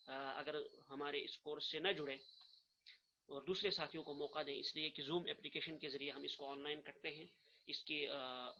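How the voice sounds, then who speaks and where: Earnest man teaching online, bright voice. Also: fairly high pitch, dull audio, slight background noise. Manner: earnest, explains step by step, repeats points, recites letters slowly and loudly. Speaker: Arabic grammar teacher. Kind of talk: online lecture.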